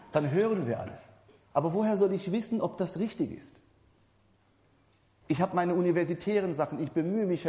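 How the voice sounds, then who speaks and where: Mellow-voiced preacher in an echoing hall. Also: male voice, on the high side. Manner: conversational, addresses the congregation directly, repeats and corrects himself. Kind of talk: sermon. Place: church hall. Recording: reverberant hall.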